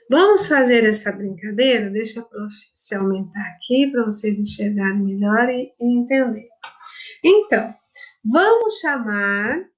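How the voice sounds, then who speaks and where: A woman primary school teacher giving a remote lesson to children, affectionate, drawing out words and spelling them letter by letter, with a Brazilian Portuguese accent. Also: high voice. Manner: affectionate, addresses pupils as "my loves".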